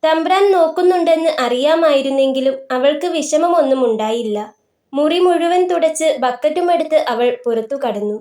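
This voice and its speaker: A woman reads a literary novel aloud in a calm, steady storytelling voice. Her pitch sits high. The recording carries a noticeable room echo. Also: normal speed. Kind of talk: scripted narration of a literary story. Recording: roomy echoey room.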